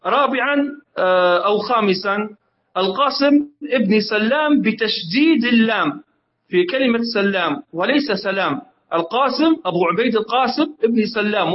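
High-voiced student reading, halting. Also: male voice, highs cut off. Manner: deliberate, with many hesitations. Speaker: student reading aloud and giving notes. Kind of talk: reading a text aloud and giving corrections.

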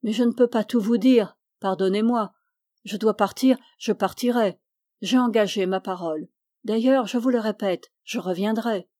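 A woman's voice: medium pitch, normal speed, warm tone, dry recording, clean studio sound, close to an everyday voice. A woman voicing a despairing young man torn by love in a novel reading.

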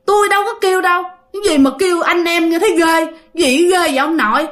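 A woman voicing a sharp, scolding young woman. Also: extremely high pitch, fast talker, voice pushed up. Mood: exasperated.

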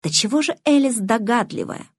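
A woman narrating a first-person audiobook in an expressive, emotional reading. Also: fairly high pitch, fairly quick, husky, no room sound, clean studio sound.

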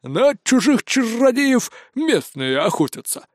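A man's voice: very high-pitched, sing-song, a little slow, dry recording, clean studio sound, voice pushed up, heavily acted. A man voicing a boastful century-old pirate parrot in an audiobook, with a brash, squawking manner. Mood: cocky. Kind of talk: audiobook character voice.

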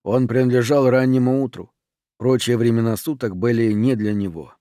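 A man narrating an audiobook in an even, unhurried reading voice. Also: medium pitch, dry recording, clean studio sound.

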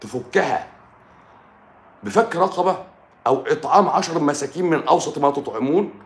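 Animated Egyptian man, fast and echoey. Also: fairly high pitch. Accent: Egyptian Arabic. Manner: animated, addresses listener directly, repeats phrases. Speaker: religious speaker. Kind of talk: live stream religious talk.

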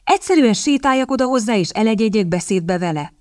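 A woman voicing a timid young lady with a high, girlish voice who stammers and hesitates. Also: animated, a little mellow, no room sound, studio quality, close to an everyday voice. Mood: bashful.

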